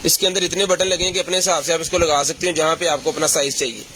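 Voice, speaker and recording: A man giving a hard-sell live shopping pitch, insistently repeating prices and sales phrases. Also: fairly even intonation, quick pace, pushed and bright, a little hiss or hum, low-quality recording. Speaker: live-sale seller.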